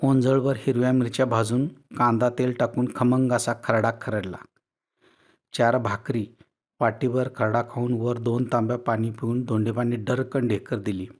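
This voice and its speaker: Male author-reader, steady measured audiobook storytelling, mid-pitched voice.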